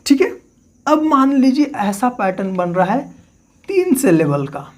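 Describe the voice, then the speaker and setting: Male literature teacher, lecture delivery; poses questions and answers them himself, repeats key terms slowly for dictation. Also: extremely high pitch, very animated. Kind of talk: classroom-style lecture.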